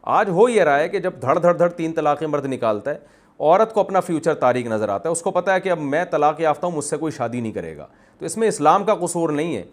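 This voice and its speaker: Male Islamic scholar, somewhat high voice, forceful repetitive lecturing. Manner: emphatic, argumentative, repeats phrases for stress. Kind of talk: religious lecture.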